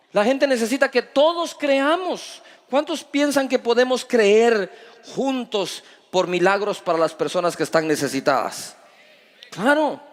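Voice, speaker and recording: A high-voiced man preaches a sermon in a large hall. He throws out rhetorical questions and moves between loud and soft. A long reverb trails after his words. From Guatemala. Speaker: pastor.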